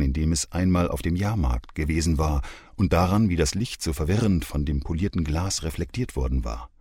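A man reading an audiobook novel in an expressive, measured narration. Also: low-pitched, husky, dry recording, studio quality.

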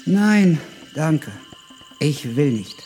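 A man's voice: on the high side, animated, very slow, darkish tone, faint music behind, voice pushed up. A man voicing an elegant female leopard. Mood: dismissive.

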